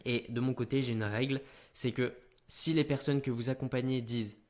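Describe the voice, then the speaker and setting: A teenage man giving business advice straight to camera in an energetic, punchy way. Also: mid-range voice, brisk. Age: teens.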